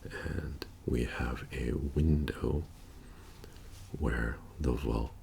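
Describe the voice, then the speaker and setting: A man in an ASMR role-play as a methodical bank heist planner, speaking in a soft-spoken, halting and matter-of-fact murmur. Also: very deep voice, steady tone, vocal fry, slight background noise, heavily acted. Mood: calm, methodical. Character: methodical male bank heist crew planner briefing his team.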